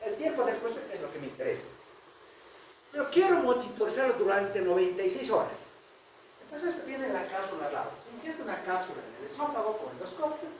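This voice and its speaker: A man giving a medical lecture to students, who keeps checking in with his class as he talks. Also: sits high. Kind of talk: university lecture. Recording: very echoey room, distant mic, noisy.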